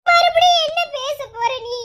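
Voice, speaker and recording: Cartoon role: tearful young wife, Madurai Tamil accent, whiny sobbing scolds, very high pitch. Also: female voice, moderate pace. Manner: sobbing, scolding, childlike whine. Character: tearful young wife grieving a lost baby. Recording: loud background noise.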